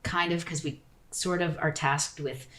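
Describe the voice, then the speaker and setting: A woman's voice: low-pitched, fairly even intonation, unhurried, a bit bright. A woman architect, a guest on an interview podcast, talking casually and rambling with lots of "like" and "you know".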